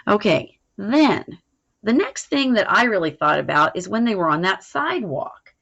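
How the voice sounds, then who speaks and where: A woman with a mid-range, gravelly, fairly bright voice speaks at a moderate pace and sounds very animated. She's a teacher walking through a recorded lesson in a casual, explanatory way, checking in often with "all right." The audio is dull and lo-fi.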